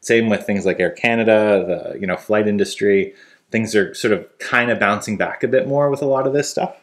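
Easygoing low-voiced man co-hosting. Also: fairly quick. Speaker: co-host. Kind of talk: casual news chat. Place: living room, on a couch.

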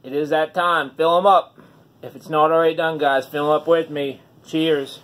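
A man's voice: a little high, steady tone, normal speed, a bit bright. Man talking with a lip full of dip. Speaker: online dip reviewer. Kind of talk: casual chat to camera. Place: small wood-paneled room indoors. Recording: noisy room recording.

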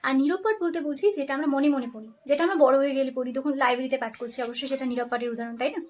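A young woman teaching a lesson for interview preparation, explaining points briskly and often checking in with her listeners. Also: high voice, steady tone.

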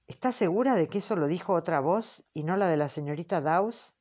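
Formal male interrogator, measured and patient; woman audiobook reader doing him. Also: on the low side, animated, a little mellow. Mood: probing. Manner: slow, formal, questioning. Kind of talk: audiobook character reading.

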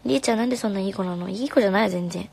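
Soft-spoken young woman with a gravelly edge. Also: mid-range voice, racing. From Japan. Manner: soft and friendly, drops to whispers now and then. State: slightly hoarse. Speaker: idol singer hosting a live stream. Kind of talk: casual live-stream chat reading comments. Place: home room. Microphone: phone.

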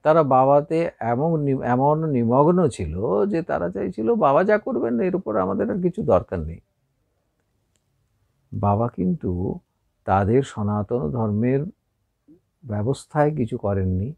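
A man with a Bengali accent giving an unhurried spiritual discourse, pausing often with fillers. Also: mid-range voice, animated, vocal fry, darkish tone, dry recording, dull audio. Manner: unhurried, with frequent pauses and fillers. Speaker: religious speaker.

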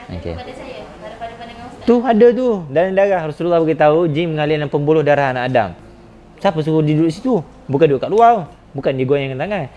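A man's voice: a little high, lively intonation, fast, mellow, highs cut off. A man, a spiritual healer running a healing session with probing, firm questions.

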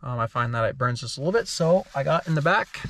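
A man in his thirties filming a casual road-trip vlog with an action camera, outdoors and inside his car, talking plainly and thinking out loud. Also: medium pitch, fast, gravelly, noisy background. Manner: relaxed, plain, thinks aloud with ums.

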